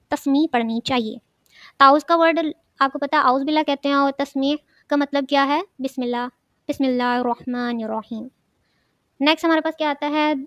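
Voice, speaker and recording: A woman's voice: high voice, a bit bright, no room sound, lo-fi sound. A woman teaching a children's religious studies lesson, asking questions and then answering them herself, often repeating key words.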